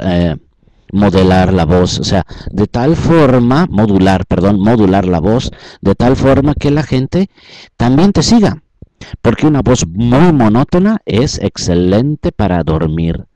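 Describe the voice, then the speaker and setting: A man's voice: fairly low pitch, dry recording, poor audio. A man giving an instructional talk on public speaking, repeating points and asking rhetorical questions. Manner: repetitive, rhetorical questions, varies loudness often.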